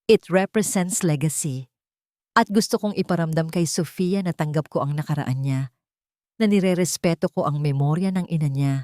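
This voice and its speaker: In an audio drama, a woman plays a poised, wealthy fiancée who is falsely sweet and theatrically distraught, speaking dramatically and slipping in English phrases. Her low, mellow voice is close to an everyday one and moves at a moderate pace. The sound is studio quality with no room echo.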